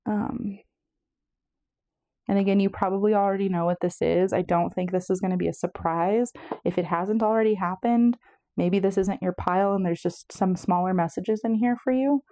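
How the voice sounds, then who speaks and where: A woman gives a casual pick-a-card tarot reading, chatting, meandering, and correcting herself while sounding a little out of breath. Her medium-pitched voice is mellow, with fairly even intonation and a moderate pace, in clean studio-quality sound with no room noise.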